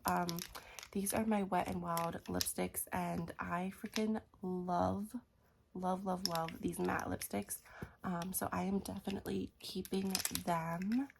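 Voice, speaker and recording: A young woman with a morning voice chatting casually as a beauty vlogger, filling her pauses with "um". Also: lowish voice, gravelly, background noise. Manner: chatty, frequent "um" fillers. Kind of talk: casual makeup declutter chat.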